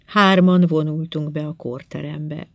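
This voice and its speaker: A woman narrates a first-person story in a calm, measured and subdued manner. Her voice sits low. The recording is close and dry, with no room sound. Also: no room sound. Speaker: audiobook reader.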